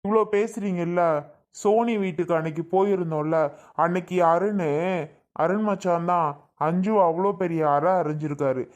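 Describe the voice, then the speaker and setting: A man's voice: high-pitched, normal speed, lo-fi sound, natural voice. A man playing a young husband who firmly stands up for his pregnant wife against her mother in a drama skit. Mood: reproachful. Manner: firm, reproachful.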